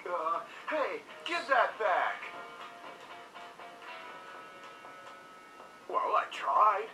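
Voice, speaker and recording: A man's voice: high-pitched, very animated, takes it slowly, sharp tone, exaggerated voice, rough recording. An actor voicing a goofy, bumbling young male cheetah sidekick in a video game. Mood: sheepish.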